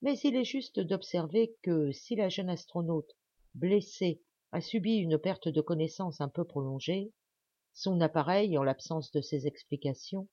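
A woman's voice: on the low side, mellow, dry recording, highs cut off. Woman reading a novel, dry and close. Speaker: audiobook reader. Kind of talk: literary audiobook narration.

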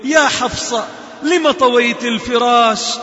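A man's voice: very high voice, measured pace, pushed and bright, pitched above the performer's own voice, heavily acted. A man voicing a humble, stern old caliph in an impassioned, raised voice, recorded in an echoey mosque hall with dull lo-fi sound. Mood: fervent rebuke. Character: aged male caliph, humble, fervent and stern.

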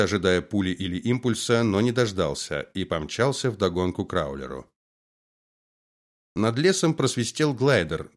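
A man narrating a science fiction audiobook in a brisk, dramatic reading style. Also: on the low side. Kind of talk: scripted narration.

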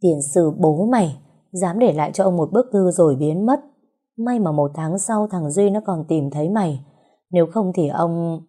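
A woman's voice: lowish voice, normal speed, dark tone, natural voice. A woman voicing an elderly grandfather who scolds tenderly and sounds choked up, in a storybook reading. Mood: tender scolding. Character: emotional elderly grandfather, gruff but loving.

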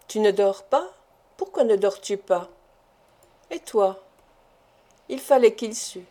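Woman narrator, classic novel audiobook, measured reading, fairly high mellow voice. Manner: measured, deliberate literary reading. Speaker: audiobook reader.

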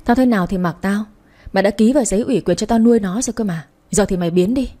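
A woman's voice: mid-range voice, quick pace, dark tone, lightly acted. Woman doing a cruel threatening man. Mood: menacing. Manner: harsh, threatening.

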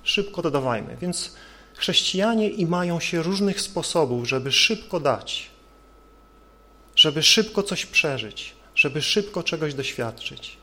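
A man's voice: a little high, lively intonation, a little slow, bright, forceful tone. A male preacher delivering an earnest sermon, building his points with rhetorical questions.

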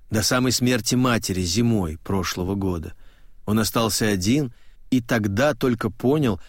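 A man narrating an audiobook in a calm, measured, even way. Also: fairly low pitch, dry recording, clean studio sound. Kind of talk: scripted narration.

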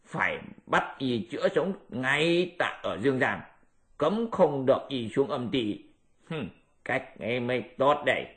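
A man's voice: medium pitch, lively intonation, unhurried, fairly bright tone. A man voicing a lazy, sly pig-monk disciple who grumbles and schemes. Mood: scheming.

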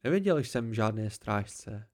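A man doing a calm, gentle innkeeper. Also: lightly acted. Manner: low, mild, soothing. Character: calm older innkeeper storyteller, patient, gentle.

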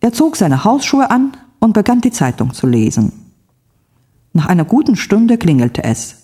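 A woman narrating a story for a language textbook in a careful, clear, expressive way. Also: mid-range voice, normal speed.

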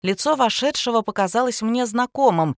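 A woman narrating an audiobook in an even storytelling manner. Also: a little high, brisk, dry recording, studio quality. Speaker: audiobook reader. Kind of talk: scripted narration.

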